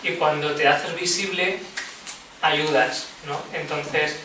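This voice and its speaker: A man's voice: a little high, fairly even intonation, takes it slowly. Male teacher, earnest panel guest, heavy room echo and background noise. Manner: earnest, emphatic, laughs often. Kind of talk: round-table discussion. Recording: echoey room, distant mic, noisy.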